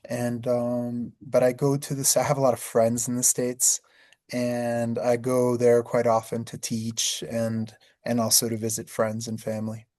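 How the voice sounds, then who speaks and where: A man from Peru, whose first language is Spanish, speaks as a podcast guest at a middle pitch. He talks in a relaxed, easygoing way, repeating words as he restarts sentences. The sound is dry. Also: measured pace, no room sound. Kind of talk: casual interview.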